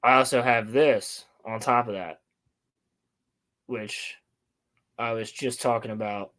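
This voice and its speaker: A man's voice: mid-range voice, fairly even intonation, slow pace, a bit bright. A man hosting a casual chat, presenting topics and reading articles aloud to his co-host.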